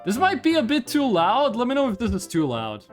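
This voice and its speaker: A streamer chatting through a live game session, joking with the chat and swearing freely. The voice moves around a lot in pitch. Game music runs in the background. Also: wildly swooping pitch, fairly quick. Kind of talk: casual live gaming commentary.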